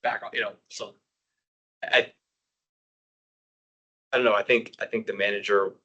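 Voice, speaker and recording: A man's voice: fairly low pitch, level tone, unhurried, bright, forceful tone, husky, dull audio. A man on a housing commission talking through budget priorities at a public meeting, rambling with many fillers and restarts.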